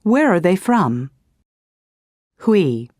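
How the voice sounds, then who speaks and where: Slow, measured woman narrating a lesson. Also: fairly low pitch, very animated, a little mellow, no room sound, studio quality. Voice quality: measured, announcing instructions. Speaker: course narrator.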